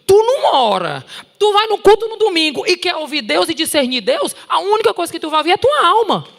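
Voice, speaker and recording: A woman with a Brazilian Portuguese accent preaching at a conference in an animated, direct, scolding way, with touches of humor. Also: extremely high pitch, a little fast, gravelly. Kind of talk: sermon. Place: large church hall. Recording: long hall reverb.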